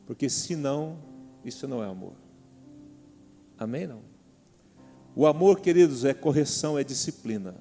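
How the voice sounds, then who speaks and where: A middle-aged man with a Brazilian Portuguese accent preaching a sermon as pastor. He talks animatedly, calls out to the congregation and acts out quotes. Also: mid-range voice. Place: large church hall. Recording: reverberant church hall with soft music.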